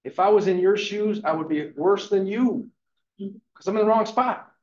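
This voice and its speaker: A man's voice: high-pitched, moderate pace. A man in his fifties giving an emphatic, motivational real estate lecture to a live class, punctuating points with "okay". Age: 50s. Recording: echoey room, dull lo-fi sound.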